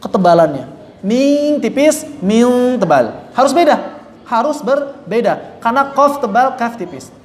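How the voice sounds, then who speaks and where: A man's voice: very high-pitched, sing-song, measured pace. A man teaching Quran recitation, correcting common mistakes and demonstrating right and wrong readings aloud. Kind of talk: tajwid lesson with recited examples. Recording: roomy echo.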